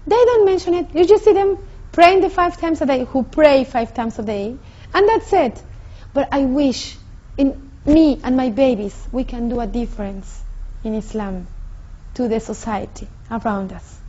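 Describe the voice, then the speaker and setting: A woman's voice: high-pitched, a little slow, dark tone. A woman from Mexico, earnestly telling her personal story and searching for English words as she goes. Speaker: convert sharing her story. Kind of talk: personal testimony. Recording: muffled lo-fi audio.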